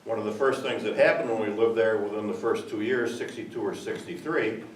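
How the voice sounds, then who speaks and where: An older retired resident gives public comment at a village meeting, loud and earnest, rambling through memories with many fillers. His low, steady voice moves fairly quickly, picked up by a distant room mic in a hollow, echoing hall with faint hiss.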